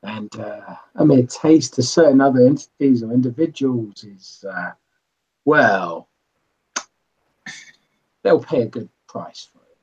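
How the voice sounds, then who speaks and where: Man doing a sly male barkeeper broker, wavering Irish accent, husky voice, hushed and conspiratorial, dull lo-fi recording. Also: medium pitch, lively intonation. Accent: put-on wavering Irish. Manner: hushed, conspiratorial, drawn-out delivery.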